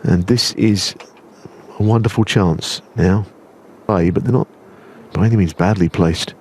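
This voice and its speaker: A man giving understated, analytical snooker commentary in the hushed, measured manner of a golf commentator. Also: lowish voice, slight background noise.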